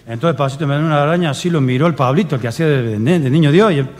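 A man's voice: on the high side, rapid-fire. A man with an Argentine accent telling a comic story, chuckling through his lines. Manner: laughing while telling the story. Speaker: comedian. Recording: faint hall reverb with light noise.

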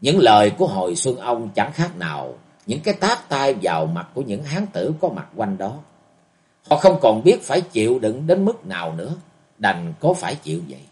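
A man narrating a martial arts novel as an audiobook, with expressive storytelling. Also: medium pitch, normal speed.

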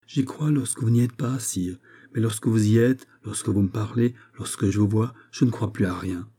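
A man's voice: on the low side, moderate pace, mellow. A man reading aloud and voicing a timid young lady-in-waiting who is anxious and in love, with a raised, pleading voice. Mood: doubting.

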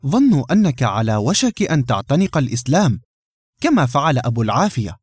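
Man reading a gentle devoted wife. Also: medium pitch, very animated, fast, breathy edge, dry recording, studio quality. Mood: questioning.

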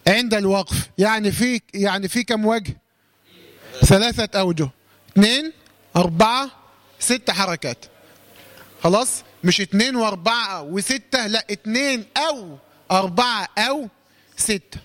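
A man with an Egyptian accent teaching a Quran recitation lesson. He quizzes his listeners, answers his own questions and draws out words slowly to demonstrate them. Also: high-pitched, fairly bright tone, no room sound. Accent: Egyptian Arabic. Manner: slowly drawn-out recitation demos.

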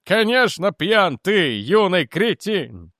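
A man voicing a drunk, brash colonel who shouts and jeers loudly. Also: high-pitched, very animated, slow pace, dry recording, clean studio sound, voice pushed up, exaggerated voice. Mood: drunken jeering. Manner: loud, jeering shouting. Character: drunk, brash middle-aged male colonel.

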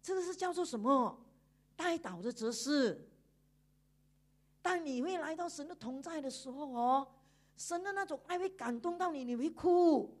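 A woman preaching a sermon in church, animated, with frequent laughter and emphatic sentence endings. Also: high-pitched, moderate pace.

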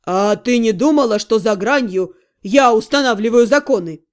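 Woman doing a sneering male demon, lowered voice, sardonic, audiobook character. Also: normal speed, close to an everyday voice. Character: sarcastic smug male demon, lord beyond death.

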